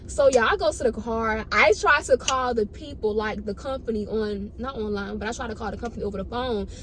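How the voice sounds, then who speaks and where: A woman's voice: a little high, fairly quick, fairly bright tone. A woman chatting casually as a storytime vlogger, dramatic and slangy, repeating phrases for emphasis. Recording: noticeable background noise.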